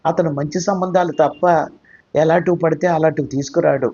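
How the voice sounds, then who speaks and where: A woman's voice: low-pitched, steady tone, fairly quick, dark tone, slightly rough. A man voicing an anxious, tearful middle-aged mother who pleads with worry, in a slightly muffled recording. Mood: pleading. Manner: pleading, worried.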